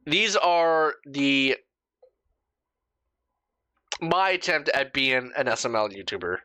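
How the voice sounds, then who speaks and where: A man's voice: mid-range voice, takes it slowly, bright, forceful tone, clean tone, dry recording. A young man doing casual reaction commentary as a YouTuber, swearing freely and laughing at himself.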